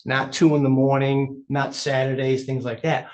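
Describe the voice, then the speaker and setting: Male attorney, medium pitch, courtroom argument delivered in short emphatic statements. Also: little pitch movement, normal speed. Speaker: attorney arguing before a judge.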